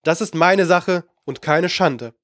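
A man reads a scheming old sorcerer who talks down to everyone, sneering and impatient in his storybook scenes. The voice sits somewhat high, and the recording is close and dry. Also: expressive, moderate pace, no room sound, close to an everyday voice. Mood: condescending. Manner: condescending, impatient. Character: scheming, mocking older male sorcerer.

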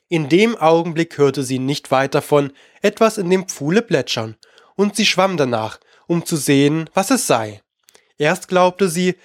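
A man narrating a storybook in an even, measured reading. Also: on the high side, no echo, clean studio sound. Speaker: audiobook narrator.

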